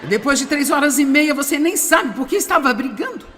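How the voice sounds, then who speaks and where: A woman preaching a sermon in an animated way, with wry humor and frequent asides to the audience. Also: sits high, fairly quick, big-room sound, a little hiss or hum. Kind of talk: sermon, dubbed.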